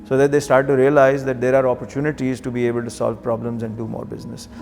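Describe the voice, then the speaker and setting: Recorded in a large hall with background music, this middle-aged Pakistani-accented man talks fast in a flat, creaky, medium-pitched voice. He is a banker from Karachi appearing as an interview guest, casually recounting and reflecting on his life, sometimes dropping in Urdu phrases.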